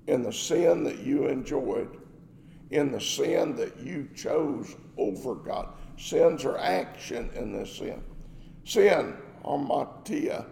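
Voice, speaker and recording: Slow, gravelly man preaching in a hall. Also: a little high, darkish tone, a little hiss or hum. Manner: slow, emphatic preaching with rhetorical questions. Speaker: pastor. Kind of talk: sermon.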